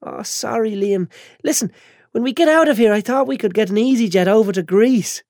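A man voicing a bandaged young woman in a hospital bed, high and whiny. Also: brisk, a little mellow, dry recording, studio quality. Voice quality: high squeaky whine.

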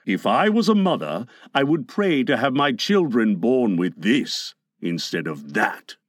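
A man voicing a menacing, brooding pirate captain in a storybook reading, slow, dark and dramatic. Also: mid-range voice, sing-song, dry recording, clean studio sound, pitched below the performer's own voice. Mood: proud, grim.

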